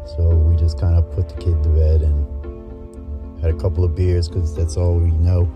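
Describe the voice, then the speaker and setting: A man's voice: low voice, monotone, a little slow. A man playing a tired married factory worker who mutters and rambles through his journal entries in a comedy voice-over. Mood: deflated. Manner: rambling, muttering, wry self-talk. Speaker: journal writer. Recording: muffled lo-fi with music behind.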